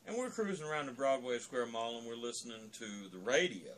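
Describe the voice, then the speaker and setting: A man's voice: medium pitch, very animated, brisk, fairly bright tone, slight background noise, low-quality recording. A man giving a drunken, opinionated, profane rant in a rambling storytelling way.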